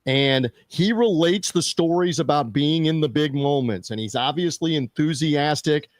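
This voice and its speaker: A man's voice: on the high side, moderate pace, no room sound, studio quality. Man hosting a sports media podcast. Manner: conversational, fillers and restarts, reads out show plugs. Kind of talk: casual sports talk.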